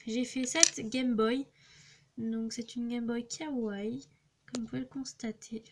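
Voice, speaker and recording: A woman's voice: fairly high pitch, fairly even intonation, measured pace, noisy background. A young teenage girl casually presenting her clay crafts, hesitant with many fillers and restarts, recorded on a phone. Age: young teen. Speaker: craft vlogger. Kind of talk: casual show-and-tell narration.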